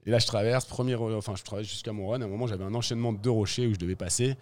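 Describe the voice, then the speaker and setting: Racing along in a lowish voice, this freeride pro recounts a story during a laid-back interview, full of slang and energy, playing out the scenes as he talks.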